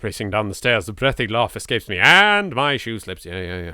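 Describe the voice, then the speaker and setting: Lowish in voice and very animated, an English-accented man hosts a gaming let's play at a moderate pace with a sharp tone. He reads out lines with flair, griping theatrically and cursing as he goes.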